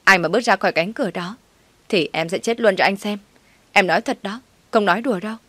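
A woman's voice: mid-range voice, fast talker, a bit bright, no echo, close to an everyday voice. Woman voicing a desperate, pleading young mistress. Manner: pleading, wailing. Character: desperate young mistress clinging to her lover.

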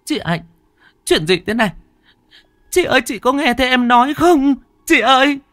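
A man voicing a terrified young woman, high and pleading. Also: sing-song, moderate pace, fairly bright tone, dry recording, studio quality, heavily acted. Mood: desperate. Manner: stammering, pleading cries. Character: frightened young woman, sobbing and desperate.

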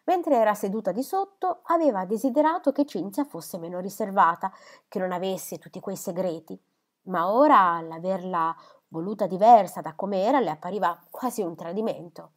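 A woman reading a novel aloud as an audiobook, measured, clear and expressive. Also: mid-range voice. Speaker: audiobook reader.

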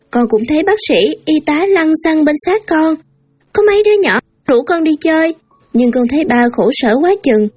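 A woman's voice: sits high, darkish tone, dry recording. A woman voicing a sweet young daughter who talks in an innocent, pleading way.

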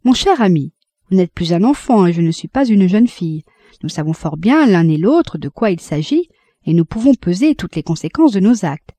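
A woman voicing a composed young widow who speaks crisply, sensibly and directly. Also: on the low side, very animated, normal speed, dark tone, no echo.

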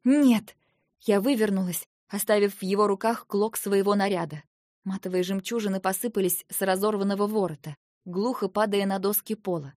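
A woman's voice: mid-range voice, steady tone, fairly quick, a little mellow, no room sound, clean studio sound. A woman narrating a novel in the first person, reading expressively and dramatically. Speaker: audiobook narrator.

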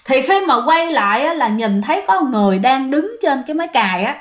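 A woman's voice: high-pitched, very animated, brisk. A woman with a Southern Vietnamese accent, telling ghost stories in a chatty way, often addressing her listeners. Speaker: storyteller and channel host. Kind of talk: casual ghost-story narration.

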